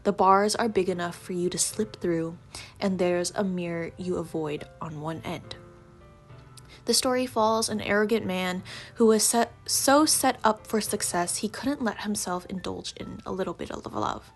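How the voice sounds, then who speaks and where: A woman's voice: medium pitch, moderate pace, faint music behind. A young woman with a stuffy, congested voice from allergies, chatting earnestly through a casual book review vlog. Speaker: book vlogger.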